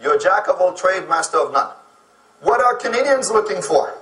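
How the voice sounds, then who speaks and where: This Frenchman, a native speaker, addresses an audience about immigrant employment in an explanatory style, repeatedly tossing in "okay?". He speaks at normal speed in a high, lively, fairly bright voice, far from the mic, and the room echoes.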